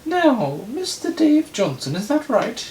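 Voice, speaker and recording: A man voicing a prim female judge in a high falsetto. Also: huge pitch swings, a little slow, a little mellow, roomy sound, slight background noise, exaggerated voice.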